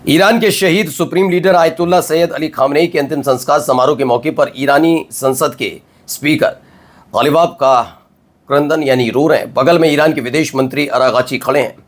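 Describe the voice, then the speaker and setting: A man hosting a news commentary show, emphatic and full of rhetorical questions and drawn-out pauses. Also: on the high side. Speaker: news anchor.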